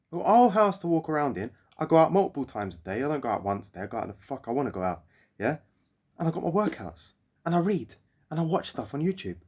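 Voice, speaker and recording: A man's voice: on the high side, darkish tone, husky. A man, a jiu-jitsu coach ranting bluntly to his viewers, swearing often and tagging his points with "yeah?". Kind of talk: blunt motivational talk to camera.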